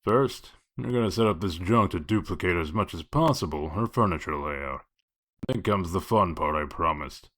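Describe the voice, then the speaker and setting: A man playing a gruff, sardonic, bossy wolf detective in a comic dub, speaking in a curt, commanding way. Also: expressive, normal speed, a bit bright. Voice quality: deep voice.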